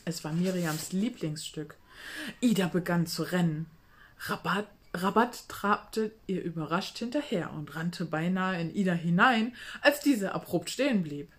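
A woman calmly reading a children's book aloud. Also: mid-range voice.

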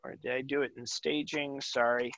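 A man giving a casual live software demo over a video call, thinking aloud and often asking "right?". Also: medium pitch, little pitch movement, moderate pace, dull audio, slight background noise. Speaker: presenter demoing software.

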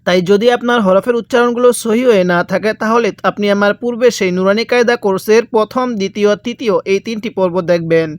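A man from Bangladesh teaching Quran reading, spelling out each letter and vowel mark, then drawling the word slowly and asking the viewer to repeat after him. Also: sits high, no echo. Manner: patient, repetitive call-and-response teaching. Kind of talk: step-by-step recitation lesson.

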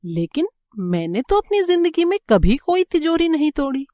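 A woman's voice: high voice, sing-song, moderate pace, dark tone, no room sound, clean studio sound, pitched above the performer's own voice. A woman voicing a young male ex-convict who pretends to be innocent, protesting with wide-eyed surprise in an audiobook.

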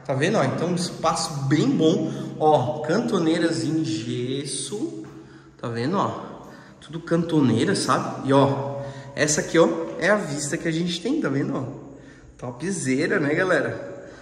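A man gives a casual house tour, talking in a slangy, friendly way to his viewers. His voice sits a little high. The empty rooms around him ring with a long, echoey reverb. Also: lively intonation, measured pace. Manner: chatty, slangy, keeps pointing things out to viewers. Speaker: real estate video host. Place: empty house with bare hard floors.

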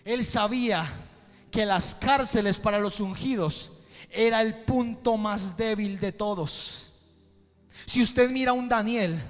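A male pastor with a strikingly high voice delivers an impassioned sermon, dropping low and then building to shouted exhortations. His voice rings through a reverberant church hall with soft music playing underneath. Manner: impassioned preaching, swings from hushed to shouting.

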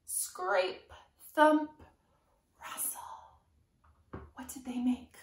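In a small room at home, a woman in her thirties whispers in a high voice, extremely slowly, reading aloud like a preschool teacher to young children. Her delivery is rhythmic and sing-song, leaning hard on sound words. A camera a few feet away picks her up with a roomy echo.

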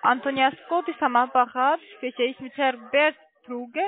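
Very high woman caller on a distant phone line. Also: steady tone, moderate pace. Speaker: cold caller. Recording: tinny phone line, far from the mic.

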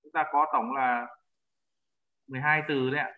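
A man teaching a language class, patiently repeating vocabulary words slowly for his students. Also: medium pitch, fairly even intonation, narrow, tinny audio. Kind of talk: language lesson.

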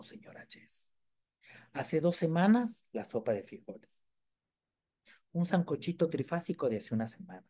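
With a husky, mid-range voice, a man runs a live sales training demonstration. He stays lively throughout, joking around with the audience and testing them with questions.

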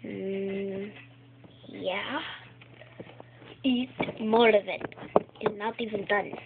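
A woman's voice: medium pitch, steady tone, extremely slow, vocal fry. Young girl play-acting on a tinny phone. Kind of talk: toy play-acting with voices. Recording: tinny phone recording with loud noise.

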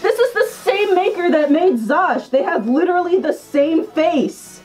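A woman's voice: very high-pitched, expressive, a little slow, darkish tone, soft background music. A woman hosting a casual chat, teasing and giggling, talking through a fursuit head. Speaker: host.

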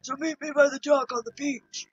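A woman's voice: sits high, fairly even intonation, brisk, close to an everyday voice. A woman voicing a chatty retired tortoise mayor in a very old man manner, reading video game dialogue aloud. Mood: smug, friendly. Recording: dull lo-fi audio.

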